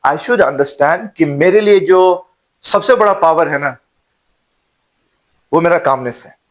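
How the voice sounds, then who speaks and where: Psychiatrist, 40s, steady mentoring tone, keeps checking in with the listener, voice a bit high. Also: male voice, slow pace. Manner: calm, mentoring, keeps adding tag questions. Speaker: psychiatrist, interview guest. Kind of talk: advice-giving interview answers.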